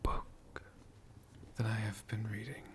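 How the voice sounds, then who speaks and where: In a hushed, friendly ASMR roleplay, a man tells a story as a bookish, humble, friendly dragon. His voice is on the low side with a flat delivery, whispered softly and unhurriedly.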